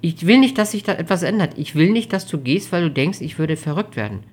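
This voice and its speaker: A reader of a German audiobook voicing an insecure, tearful young woman in her twenties who speaks high and hesitantly, often restarting her words. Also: expressive, a little fast, a little mellow, husky. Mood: anxious. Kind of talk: audiobook reading.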